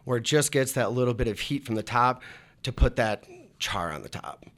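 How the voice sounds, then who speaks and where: Man, restaurant owner guest, friendly, plain, slightly hesitant, mid pitch. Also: moderate pace, a bit bright. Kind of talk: casual chat. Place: radio studio.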